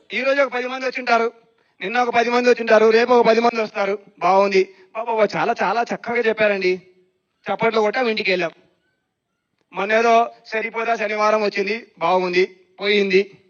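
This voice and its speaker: Spiritual speaker, man, very high voice, lively, asks the crowd questions, dull lo-fi recording. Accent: Telugu. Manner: lively, questioning, repeats phrases for emphasis. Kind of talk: meditation discourse. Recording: dull lo-fi sound.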